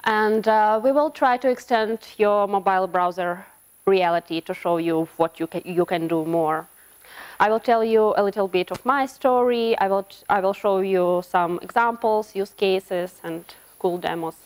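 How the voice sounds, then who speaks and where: A woman's voice: medium pitch, fairly even intonation, moderate pace, darkish tone. A woman from Ukraine, giving a conference talk as a web developer, often restarting her words. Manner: hesitant, frequent restarts and broken-off words. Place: conference hall.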